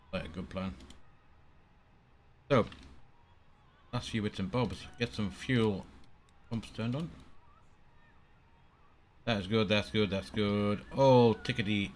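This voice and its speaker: Low-voiced man livestreaming casually. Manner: informal, thinking aloud. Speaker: flight simulator livestreamer. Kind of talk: casual live gameplay commentary. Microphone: headset.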